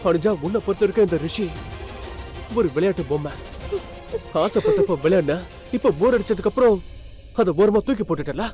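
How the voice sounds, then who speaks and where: A bitter, heartbroken young lover. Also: male voice, high voice, expressive, a little fast, pauses often, dark tone, faint music behind. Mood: bitter, accusing. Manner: pleading then bitterly accusing, emphatic. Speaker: actor in a TV serial. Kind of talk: dubbed TV drama dialogue.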